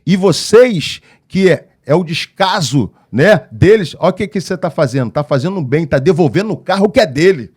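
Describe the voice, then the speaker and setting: A pastor with a Rio de Janeiro accent recounts his experiences as a guest on a podcast interview. The man's voice is high-pitched, and he tells his stories with animation, acting out the voices of the different people involved. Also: normal speed, few pauses, breathy edge. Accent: Rio de Janeiro Portuguese. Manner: animated storyteller acting out dialogue.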